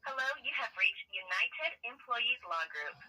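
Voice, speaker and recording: Woman, recorded phone menu greeting; bright, slightly husky read, measured pace, heard through a phone held away from the mic. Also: fairly high pitch, expressive. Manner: slow, measured announcer delivery. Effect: recorded phone menu message. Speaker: automated phone line greeting. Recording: phone line on speaker, far from mic.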